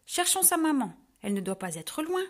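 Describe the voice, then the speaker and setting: A woman reading a children's storybook, voicing a friendly young woman with a soft, gentle manner. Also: sits high, sing-song, a little fast, voice pushed up.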